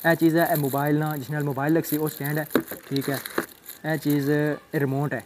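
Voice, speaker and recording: A young man talks viewers through a helmet mount setup, his voice sitting a little high. He rambles and circles back to the same phrases. The recording is made outdoors on a phone, with faint ambient noise behind him. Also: little pitch movement, brisk. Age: young adult. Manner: rambling, repeats "thik ai" and "check karne aan". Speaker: motovlogger. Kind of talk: casual unboxing and setup demo. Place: outdoors on a rooftop, then a roadside.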